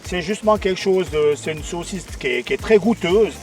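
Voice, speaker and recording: A man's voice: sits high, brisk, a little mellow, recorded from a distance, soft background music. A middle-aged man with a Fribourg Swiss French accent, explaining his butcher's products in an interview, hesitant and repeating words. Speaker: artisan butcher, guest.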